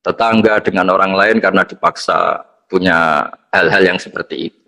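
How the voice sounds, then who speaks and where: A man preaching a sermon, reciting Arabic texts and explaining them slowly in plain talk. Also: on the low side, a bit bright. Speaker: Islamic preacher. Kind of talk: sermon with text reading.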